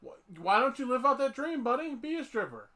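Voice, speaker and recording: A man with a high, bright, ringing voice hosts a casual comedy podcast. He jokes, rambles and laughs as he talks, in a loose, chatty way. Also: big pitch swings, a little fast. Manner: joking, rambling, laughs often. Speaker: podcast host.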